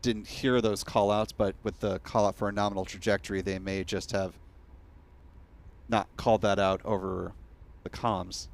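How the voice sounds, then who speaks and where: A man giving measured live commentary on a broadcast. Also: on the low side, flat delivery, vocal fry, a little hiss or hum.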